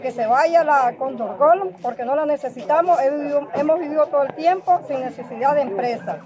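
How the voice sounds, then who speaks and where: A woman's voice: high-pitched, fairly quick. A woman from Nicaragua, a local resident, speaking firmly and pleadingly outdoors. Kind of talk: interview testimony. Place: outdoors at a protest. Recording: outdoor field recording with crowd. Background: crowd.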